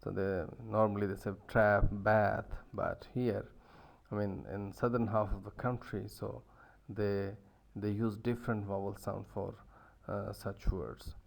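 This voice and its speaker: A man's voice: on the low side, flat delivery, unhurried, creaky, a little mellow. A man giving a university lecture, hesitant, with many fillers and restarts.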